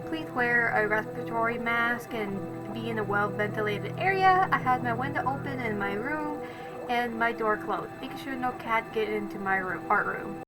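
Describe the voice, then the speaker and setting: Over background music and through poor audio, a woman with a slightly high voice at a moderate pace narrates a craft video. Her voice-over is casual, rambling, and full of self-corrections.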